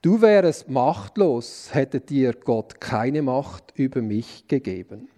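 A calm, dignified prophet, voiced by a man in a sermon's Bible reading. The voice sits low and quiet, and it is unhurried and steady. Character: calm, dignified man claiming a heavenly kingdom.

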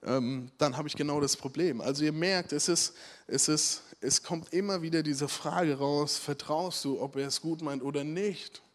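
A man's voice: a little high, moderate pace. Man giving a chatty sermon. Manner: rhetorical questions, frequent "right?" check-ins. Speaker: preacher. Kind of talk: conversational sermon.

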